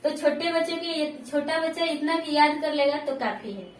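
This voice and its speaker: A woman with a high voice teaches a lesson, repeating each point and checking that her students follow. She is heard from a distance, and her voice echoes around the room. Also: normal speed, a little hiss or hum. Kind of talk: classroom lesson.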